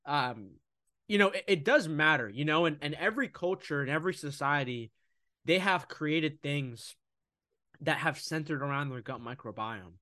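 Animated, higher-voiced man in casual talk. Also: normal speed, dry recording, studio quality. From United States. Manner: animated, mocking voices in quotes. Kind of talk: casual podcast conversation.

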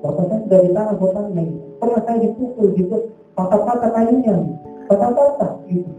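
Male preacher, casual testimony, high and dark-toned, heard from a distance in a booming hall. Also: fast talker, faint music behind. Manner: casual, repeats filler tags constantly. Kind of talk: sermon testimony. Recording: very echoey hall, far from mic.

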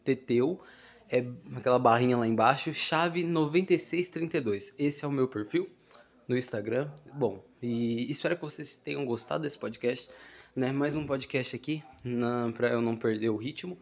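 A man's voice: mid-range voice, normal speed. A young man hosting a casual solo podcast from home, rambling and losing his train of thought, with lots of fillers. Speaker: podcast host. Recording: dull lo-fi home recording.

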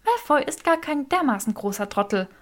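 A woman reading a clever, composed young witch in a brisk, matter-of-fact way. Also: high-pitched, big pitch swings, pitched above the performer's own voice.

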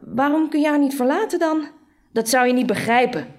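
A woman voicing a hurt mother who is Santa's secret lover in a storybook reading, pleading and rising in pitch. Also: fairly quick, natural voice. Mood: accusing.

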